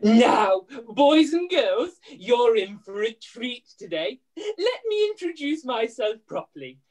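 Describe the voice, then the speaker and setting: A woman's voice: a little high, very animated, slow pace, darkish tone, full character voice. A woman playing a downtrodden, blustering widowed mother who runs a laundry, in hammy, plaintive pantomime style. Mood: plaintive, showy. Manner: exaggerated, plaintive, addressing the audience. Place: room at home, video call.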